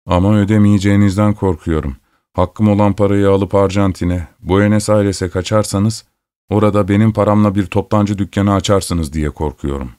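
A man's voice: on the low side, fairly even intonation, normal speed, dark tone, clean tone, dry recording, clean studio sound, close to an everyday voice. A man voicing a grumbling old bearded male synagogue caretaker in a storybook reading, with a sleepy, drawling, sing-song delivery. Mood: grudging.

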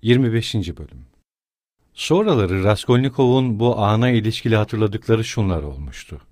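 A man narrating a classic novel as an audiobook in a measured, expressive reading. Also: on the low side, no echo, studio quality. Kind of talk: scripted narration.

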